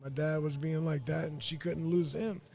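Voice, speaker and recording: A young adult from Pine Hills, Florida, appears as a guest on a podcast, speaking candidly and rambling with fillers in a casual interview. His voice is a little high, steady, and a little mellow, with vocal fry, at normal speed.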